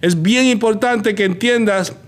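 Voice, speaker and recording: A man with a high voice preaches on his motivational podcast. He speaks emphatically and repeats key lines, addressing each listener directly as a preacher would. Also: measured pace.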